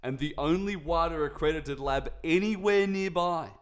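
A man's voice: fairly high pitch, moderate pace. A man co-hosting a casual sports podcast, sarcastic and playful. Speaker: podcast co-host.

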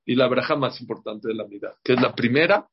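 Speaking fast in a husky, medium-pitched voice, a man gives a group a religious class before a holiday. His manner is emphatic, with repeated words and frequent "ok?" check-ins. It's a dull lo-fi recording.

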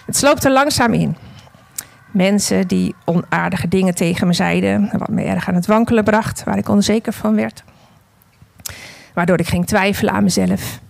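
A woman telling a parable and sharing her testimony in a gentle, slow, emphatic devotional storytelling style. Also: medium pitch, vocal fry, dry recording.

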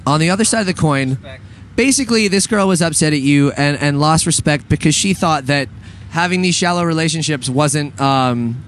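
A man's voice: fairly high pitch, moderate pace, a bit bright, a little hiss or hum. A young man hosting a radio talk show, chatting casually with many fillers, jokes and laughs. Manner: rambling, laughing, joking.

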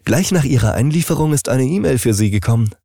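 A man reading an audiobook, voicing a brisk, reassuring female hospital nurse. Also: medium pitch, lively intonation, gravelly, warm tone, no room sound, studio quality, pitched above the performer's own voice.

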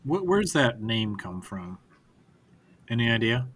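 A man's voice: mid-range voice, big pitch swings, slow pace, fairly bright tone, dry recording. A man co-hosting a casual beer podcast, teasing the others and laughing a lot. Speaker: podcast co-host.

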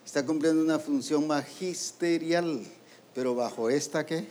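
A man preaching with a fairly high voice. He fires off rhetorical questions and acts out the voices he quotes. A faint hiss sits behind him. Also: normal speed, darkish tone. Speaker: apostle preaching to ministers. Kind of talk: sermon.

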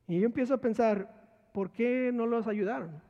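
A man's voice: extremely high pitch, normal speed, warm tone. A man preaching a sermon as pastor, asking his listeners repeated rhetorical questions and repeating key words. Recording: echoey hall, dull lo-fi sound.

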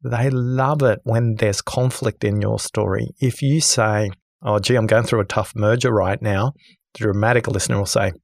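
A low, gravelly male voice, close and dry on the mic, spinning an animated story as a podcast guest. He drops into the voices of the people he describes, his own tone staying rough and grounded. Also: moderate pace, no echo. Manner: lively, acts out the people in his stories. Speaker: podcast guest, listening expert.

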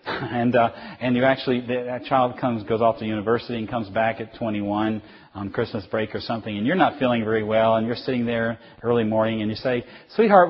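A man teaching a Bible class, lecturing with animated storytelling and acting out the voices in his examples. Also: fairly low pitch, breathy edge, highs cut off.

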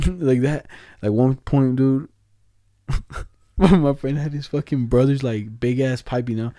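A man's voice: medium pitch, unhurried, dark tone, no echo. A young man in a casual chat, swapping stories. His talk is slangy, jokey and full of swearing. The sound is dry, with hardly any room on it. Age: young adult. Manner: slangy, profane, jokey storyteller.

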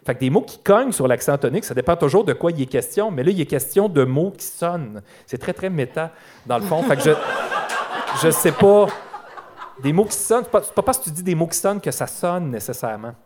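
Un homme à l'accent québécois anime un balado en direct devant public, avec un ton joueur et des jeux de mots. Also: male voice, a little high, animated, brisk, darkish tone. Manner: playful, joking wordplay, frequent laughs. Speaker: podcast host. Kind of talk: live comedy podcast commentary. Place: live show in a concert hall.

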